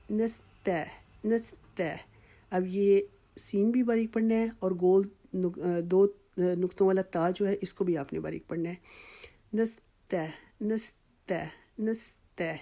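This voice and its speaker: Woman, Pakistani Urdu accent, recitation teacher, patient drawn-out sounds, lowish mellow voice. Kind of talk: tajweed lesson with slow recitation examples.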